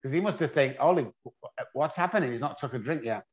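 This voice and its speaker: A man's voice: fairly high pitch, lively intonation, fast talker. A man from England with an English accent, a guest telling his own story in a candid, self-deprecating way. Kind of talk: storytelling interview. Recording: dull lo-fi audio.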